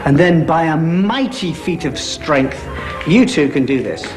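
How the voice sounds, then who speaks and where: A man's voice: on the high side, expressive, unhurried. A man presenting a children's magic show in a theatrical showman's way, repeating words for emphasis. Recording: loud music and crowd noise.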